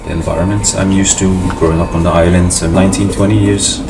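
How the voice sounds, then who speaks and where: Loud music plays while a Samoan interviewee in his thirties, the family host, chats at home in the city. He talks fast in a low, steady voice with vocal fry, hesitating thoughtfully with fillers and restarts, picked up by a distant mic in a roomy, noisy space.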